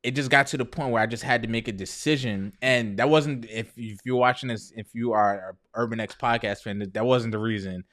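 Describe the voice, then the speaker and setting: A man in his thirties, an entrepreneur hosting a video, shares a personal story with viewers candidly and casually. His mid-range voice is a bit bright, and he talks briskly with hardly any pauses. He keeps checking in conversationally with "right?" and "you know".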